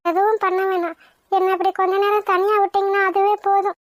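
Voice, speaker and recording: A patient young wife in a cartoon, with a very high, girlish pitch. She talks softly and earnestly, as if pleading. The sound is dry with no room around it. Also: level tone, fairly quick, no room sound. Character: young married woman, gentle and patient. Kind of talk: cartoon voice acting.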